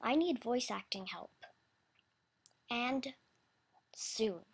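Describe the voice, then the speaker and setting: Her voice sits on the high side, husky, breathy and animated, as she makes a casual announcement as an animation creator. It's unscripted and scatterbrained, full of halts and self-interruptions.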